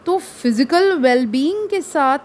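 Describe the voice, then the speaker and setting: A woman teacher explaining a poem in a classroom lesson, mixing Hindi and English and reading the English lines out slowly and carefully. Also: high voice, expressive.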